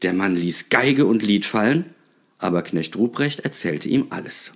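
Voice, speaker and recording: A man reading a story aloud with expressive, theatrical delivery. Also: on the low side, a little slow. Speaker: narrator.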